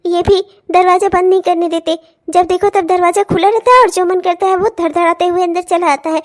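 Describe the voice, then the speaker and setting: A woman voicing a meek, newly married young wife in a cartoon, who speaks in a soft, pleading, put-upon way. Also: extremely high pitch, fairly even intonation, brisk. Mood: complaining. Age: young adult. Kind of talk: cartoon voice acting.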